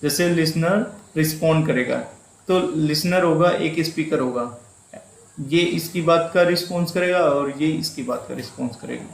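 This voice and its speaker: A man's voice: fairly high pitch, normal speed, creaky. A male teacher with a Hindi accent giving an exam-prep lecture, repeating key terms and asking and answering his own questions while mixing English words into his talk. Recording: echoey room.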